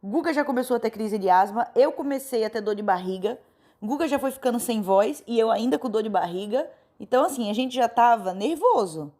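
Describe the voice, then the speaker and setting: A woman's voice: a little high, expressive, a little fast, dark tone. A woman from Brazil hosting a podcast in casual chat, often chiming in with short agreements and asides. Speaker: podcast host.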